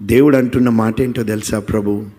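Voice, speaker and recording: A man preaching a sermon as pastor, fervent and building to loud exclamations. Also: fairly low pitch, fairly even intonation, fairly quick. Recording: long hall reverb.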